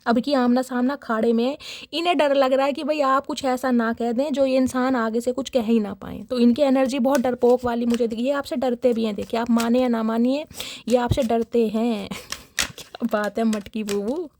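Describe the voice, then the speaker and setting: A woman's voice: a little high, steady tone, normal speed, darkish tone, slight background noise. A young woman giving a casual tarot reading to her viewers, dramatic and chatty, often laughing and calling out to her audience. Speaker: tarot reader.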